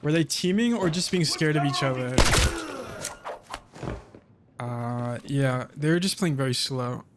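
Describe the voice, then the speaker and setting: A man streams a shooter game and gives casual, calm commentary, his low-key delivery showing little emotion. He speaks at a measured pace with long pauses, and the recording is very noisy.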